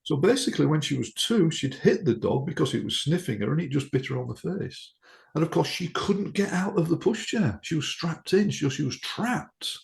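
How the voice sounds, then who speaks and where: A man's voice: a little high, expressive, moderate pace, vocal fry. A man, a hypnotherapist, telling a case story on a podcast in an anecdotal way, with frequent ums and restarts.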